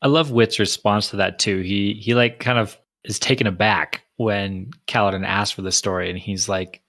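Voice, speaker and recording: Male podcast co-host, low pitched, reflective and hesitant, dry mic. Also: steady tone, normal speed, fairly bright tone, dry recording. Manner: thoughtful, hesitant, with repeated words. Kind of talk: casual book discussion.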